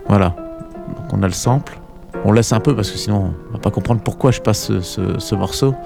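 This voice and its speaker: A man presenting a relaxed, conversational radio music segment as columnist. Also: lowish voice, brisk, creaky. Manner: relaxed, conversational, ends phrases with tag words. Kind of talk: radio music segment, casual studio chat.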